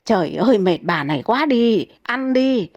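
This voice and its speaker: A woman's voice: a little high, animated, moderate pace, darkish tone, no room sound, highs cut off. A woman voicing a grumpy, stubborn elderly husband who snaps back in exasperation. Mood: irritated. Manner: snapping, exasperated retorts.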